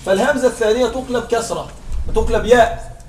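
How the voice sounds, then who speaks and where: An Arabic morphology teacher gives a classroom grammar lecture, drilling examples aloud and frequently asking questions to check understanding. His voice is extremely high and quick. The echoey room places him far from the mic, with slight background noise and faint music.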